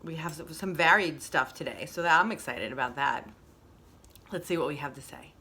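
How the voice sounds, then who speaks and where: A woman's voice: low-pitched, normal speed, pushed and bright, slightly rough. A woman hosting a casual motivational monologue, reflective and repeating phrases for emphasis. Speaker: host.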